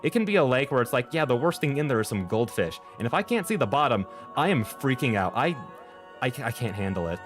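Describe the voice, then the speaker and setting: A man streamer chatting casually in a rambling, expressive way, with exaggerated exasperation. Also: medium pitch, quick pace. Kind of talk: casual livestream chat. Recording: music playing behind the voice. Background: background music.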